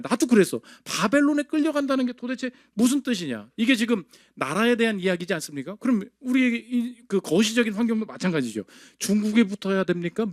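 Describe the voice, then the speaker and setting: A male pastor delivers an emphatic sermon in a high, lively voice that swoops up and down. The sound is dry and close, with little room echo. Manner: emphatic preaching, voices God's words and congregants' complaints.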